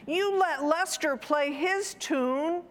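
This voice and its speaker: A woman's voice: sits high, takes it slowly, voice pushed up. A woman voicing an eager young girl who keeps pestering her mother, in a whiny, pleading tone. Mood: sulky. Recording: long hall reverb.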